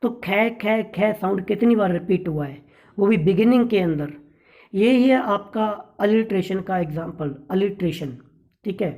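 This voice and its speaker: A man teaching an exam-prep lesson on English literature, with a mellow, warm tone. He explains each point step by step and keeps checking that his listeners follow. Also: high voice, lively intonation, moderate pace, rough recording.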